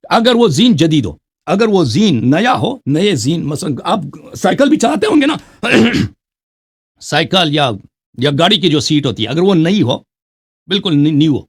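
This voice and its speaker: This man's voice sits high with a breathy edge as he argues about religion. He reads out Arabic quotations, then mocks them in his explanations, often tossing in "right?"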